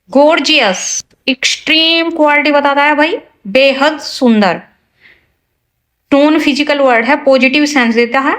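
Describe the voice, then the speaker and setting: Woman, vocabulary teacher, high voice, very slow deliberate delivery, casual asides. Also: poor audio. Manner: slow and deliberate, spelling out examples word by word. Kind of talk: explaining a vocabulary lesson.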